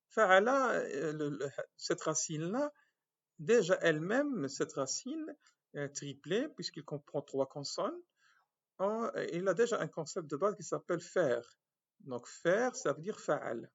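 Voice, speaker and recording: Slow, hesitant man lecturing. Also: on the high side, dull audio. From Morocco. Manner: slow, hesitant, many restarts and fillers, spells out syllables. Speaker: medical school professor. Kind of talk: recorded lecture.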